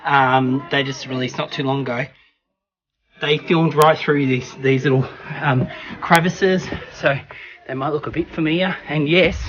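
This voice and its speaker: A man hosting a casual travel vlog outdoors, chatty and excitable, out of breath from climbing. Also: a little high, unhurried, dull audio. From Australia. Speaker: travel vlogger. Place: outdoors on a rocky hill. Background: music.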